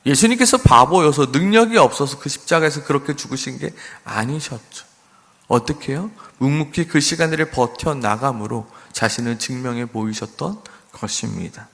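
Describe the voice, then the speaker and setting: A man's voice: mid-range voice, normal speed, vocal fry, fairly bright tone, long reverb tail. A man preaching a sermon as pastor, earnest, sometimes acting out mocking voices.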